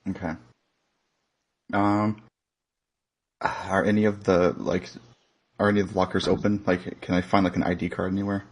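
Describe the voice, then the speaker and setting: A man's voice: sits low, flat delivery, moderate pace, pauses often. A man playing a tabletop role-playing game, talking in a laid-back, matter-of-fact way. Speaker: player. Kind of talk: casual tabletop play.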